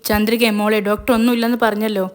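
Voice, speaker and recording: A woman's voice: a little high, flat delivery, fast talker, darkish tone, clear, resonant tone, close to an everyday voice. A woman reading a caring fatherly head of the house. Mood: reassuring. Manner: reassuring, urgent.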